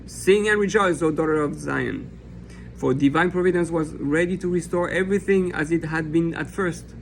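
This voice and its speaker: Impassioned rabbi, slightly high voice. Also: male voice, slight background noise, rough recording. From France. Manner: earnest and impassioned, acting out imagined questions and answers. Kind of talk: Torah lesson, reading and explaining a text.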